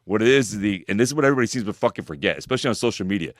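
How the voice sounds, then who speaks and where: Deep-voiced man in his 40s, emphatic and preachy, lots of swearing, low pitch, dry close sound. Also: expressive, racing, dry recording. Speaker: podcast co-host. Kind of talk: casual chat.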